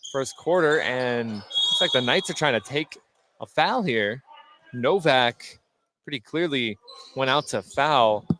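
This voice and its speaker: Bright and forceful, with a medium pitch and lively intonation, a man takes his time calling a basketball game live on the radio. His play-by-play comes in short, clipped bursts against the clear noise of a gym, where basketballs bounce in the background.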